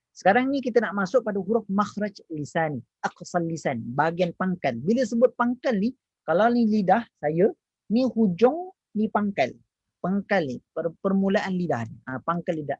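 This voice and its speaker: A man's voice: a little high, a little mellow, breathy edge, no echo. A man with a Malaysian Malay accent teaching Quran recitation in an online class, stretching out Arabic syllables to demonstrate them. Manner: drawn-out demonstrations of Arabic sounds, repeated syllables, frequent "ah" and "ha". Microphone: online class microphone. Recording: dull, dry online audio.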